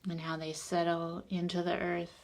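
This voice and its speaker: A woman guides a meditation at an unhurried, calm pace, her soothing voice soft and fairly low. Her phrases trail off into breathiness.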